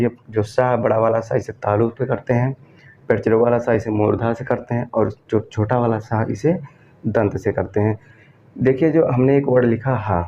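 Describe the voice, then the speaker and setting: A man's voice: mid-range voice, dark tone. A man teaching an exam-prep grammar lesson, asking questions and answering them himself and repeating key terms. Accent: Hindi, from northern India. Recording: dull lo-fi recording with faint background noise.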